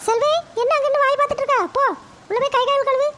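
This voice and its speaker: A chatty young daughter-in-law in a cartoon, voiced by a woman. Her voice sits very high and squeaky above the performer's own. She sounds a little distant, with a faint hiss behind her. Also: fairly even intonation, racing, a bit bright. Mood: shrill chatter.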